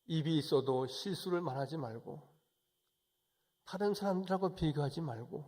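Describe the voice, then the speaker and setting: Man preaching a sermon, slightly high voice, calm talk rising to loud forceful pleas. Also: normal speed. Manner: swells from calm talk to forceful raised exhortation. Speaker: pastor.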